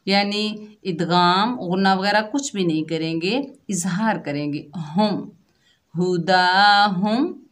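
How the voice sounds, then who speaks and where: A woman with an Urdu accent teaching Quran recitation online, explaining each rule step by step and modelling sounds for students to repeat. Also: lowish voice.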